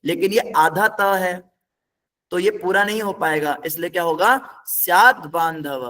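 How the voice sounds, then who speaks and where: A man's voice: high voice, measured pace, pushed and bright. A man teaching a scripture class, explaining word by word in a patient, step-by-step way and putting questions to his students.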